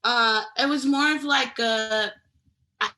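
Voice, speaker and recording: Young adult woman from Nigeria, interview guest; slow, hesitant, bright tone. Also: on the high side. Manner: hesitant, many fillers and restarts, laughs often. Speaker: guest artist. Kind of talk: casual interview chat.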